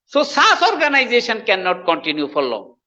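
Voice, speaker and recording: Speaking briskly, this man's bright, forceful voice sits high and swings hugely in pitch. He's a Bengali-speaking guest professor from Bangladesh, explaining his views in an interview and repeating phrases for emphasis. Long reverb hangs over the dull, lo-fi recording.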